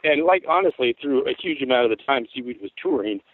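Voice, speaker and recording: Animated and quick, a man in his forties from Tacoma, Washington, rambles through stories as a guest musician in a relaxed interview chat, swearing frequently. His voice is rough, worn, and mid-range. The sound is thin and phone-like, dry, with no echo.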